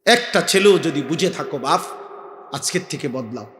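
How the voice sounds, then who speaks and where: A man from Bangladesh preaching a fiery sermon, declaiming and often shouting at a large gathering. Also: fairly high pitch, expressive, moderate pace. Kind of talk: Bengali waz sermon. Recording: echoey hall with long reverb.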